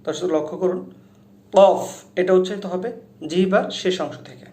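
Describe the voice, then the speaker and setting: A man teaching Quran recitation step by step, explaining how each letter is said before chanting each verse slowly and loudly. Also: high voice. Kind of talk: slow step-by-step recitation lesson. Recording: echoey room.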